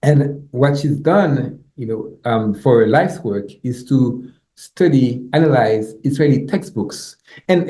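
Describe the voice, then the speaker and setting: A middle-aged Haitian man, a native Haitian Creole speaker with a Haitian accent, gives an academic lecture as a guest professor in an indoor lecture room. He speaks haltingly, repeats words, and tags points with "you know" and "right?" His voice is mid-range with a dark tone, and the room sounds echoey.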